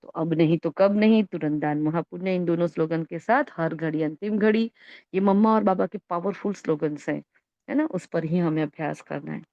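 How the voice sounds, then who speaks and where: A woman's voice: fairly low pitch, moderate pace, dry recording, muffled recording. A woman spiritual teacher giving an earnest, coaxing talk and answering a question, often asking "right?" to check on her listeners.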